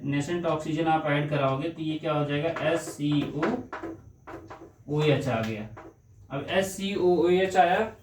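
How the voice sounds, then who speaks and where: High-voiced man teaching in an echoey room. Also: a little mellow, distant mic, a little hiss or hum. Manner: talking through reactions step by step, asking himself questions. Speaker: chemistry teacher. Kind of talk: classroom lecture on organic chemistry.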